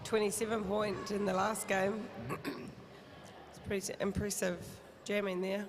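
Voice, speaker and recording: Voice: mid-range voice, flat delivery, unhurried, background noise. A co-commentator giving chatty, jokey color commentary on a roller derby game. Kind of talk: live sports commentary. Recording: echoey sports hall with faint ambience.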